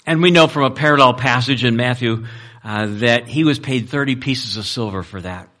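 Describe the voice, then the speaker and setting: A male pastor preaching a sermon, telling the story in an animated way and repeating words as he restarts. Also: medium pitch, normal speed. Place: church.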